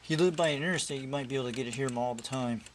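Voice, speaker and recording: Speaking very fast in a medium-pitched voice, this man chats repetitively and rambles as he checks his radio gear, much like a hobbyist demonstrating his rig. The recording is amateur and very noisy, dominated by a loud hum and constant loud noise.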